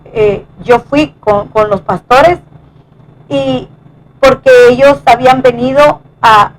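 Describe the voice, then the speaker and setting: Woman sharing a church testimony, kinda high voice, earnest, lots of restarts and "eh"s. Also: rough recording. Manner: earnest, halting with many restarts. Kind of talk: conversational testimony.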